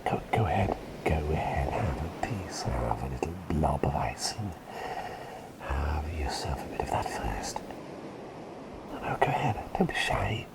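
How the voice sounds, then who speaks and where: In an ASMR roleplay, a man plays a gentle, attentive plague doctor, whispering breathily and soothingly with a polite, slightly hesitant formality. His voice is rumbling low and exaggerated, and the recording is rough.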